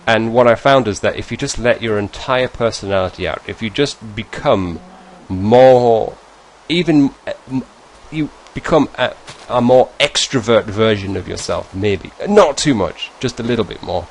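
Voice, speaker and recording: A British YouTuber with a lowish voice talks his way through viewer questions. He rambles and restarts, often poking fun at himself. A faint hum of ambience sits under his talk. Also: moderate pace, poor audio. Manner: rambling, self-deprecating, chatty. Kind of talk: casual Q&A vlog.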